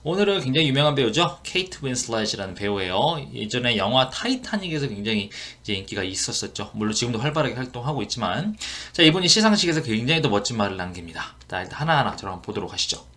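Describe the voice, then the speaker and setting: A man's voice: mid-range voice, very animated, fast talker, few pauses, bright, forceful tone. A man hosting an English listening lesson, who repeats English phrases word by word and explains them in a casual teaching manner with frequent fillers.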